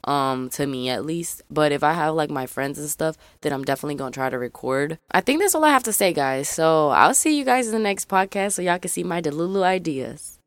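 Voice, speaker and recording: With a low voice, lively intonation and a slightly fast delivery that leaves few pauses, a young woman from Memphis kicks off her solo podcast. She's chatty and rambling, talks to listeners as y'all, and has a faded Southern accent, all on a dry recording with clean studio sound.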